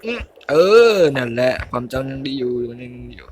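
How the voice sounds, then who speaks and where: A man's voice: medium pitch, level tone, a little fast. A young man giving casual let's-play commentary, muttering, grunting and exclaiming as he plays. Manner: mutters and grunts while playing, exclaims at mistakes. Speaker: gaming YouTuber.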